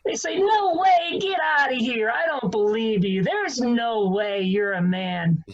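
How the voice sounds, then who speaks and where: A man's voice: extremely high pitch, lively intonation, unhurried, lo-fi sound, slight background noise. A man in his fifties delivering a dry stand-up monologue. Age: 50s. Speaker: comedian.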